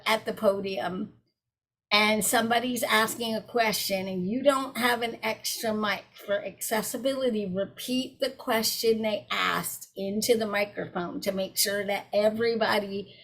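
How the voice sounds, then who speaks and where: A woman from South Carolina presents a webinar over a video call, speaking at medium pitch in a warm, direct, conversational way and calling her audience "y'all." The recording quality is low.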